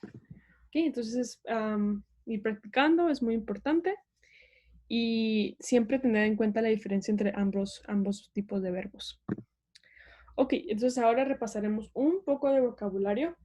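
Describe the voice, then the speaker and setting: A woman's voice: a little high, a little slow, dark tone. A young woman teaching an online language lesson, explaining patiently step by step and having learners repeat words.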